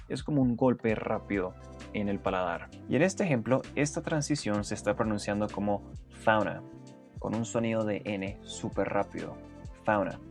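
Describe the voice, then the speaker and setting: A man's voice: fairly low pitch, gravelly, a little mellow. A man narrating a pronunciation lesson, explaining sounds step by step and demonstrating them aloud. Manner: methodical, breaks down sounds step by step. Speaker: pronunciation teacher.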